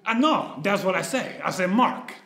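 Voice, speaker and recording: A short, heavyset coworker , as a man puts him on speaks in a Mexican Spanish accent with clipped, repeated replies. The voice sits higher and bounces around. It rings out in an echoey theater. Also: animated, moderate pace, creaky, pushed and bright, exaggerated voice. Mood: teasing. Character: short heavyset male coworker, stubborn, teasing.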